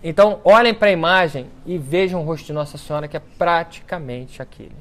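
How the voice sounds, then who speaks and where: A man giving a storytelling talk to an audience, acting out the quoted speech with lively shifts in his voice. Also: fairly high pitch, fairly quick. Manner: animated storyteller who acts out quoted speech. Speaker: speaker at a book launch talk. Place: lecture event before an audience.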